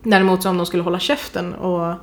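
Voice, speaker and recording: A woman's voice: fairly low pitch, little pitch movement. A young woman co-hosting a podcast, speaking thoughtfully and searching for words with many fillers. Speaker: podcast co-host. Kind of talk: casual discussion.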